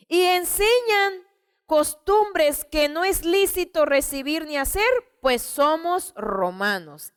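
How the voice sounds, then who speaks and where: A woman pastor delivers an expressive sermon in a high voice. She retells scripture with dramatic emphasis. Her voice rings with a long reverb from the church hall.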